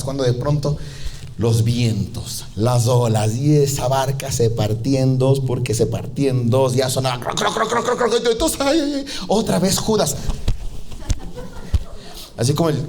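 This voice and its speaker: A man preaching a sermon as pastor, telling the story lively and acting out the voices of the people in it. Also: a little hiss or hum. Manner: animated storytelling, acting out voices with big pitch jumps.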